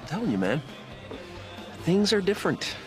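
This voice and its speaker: A man's voice: high voice, very animated, moderate pace, over music. An actor playing an earnest, insistent man in film dialogue.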